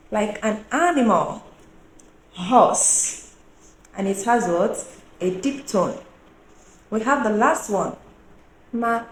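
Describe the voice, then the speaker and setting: A woman teaching a Mandarin lesson, explaining slowly and deliberately, asking the viewer questions and singing out tone examples at a higher pitch. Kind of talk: online language lesson. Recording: roomy echo with faint background noise.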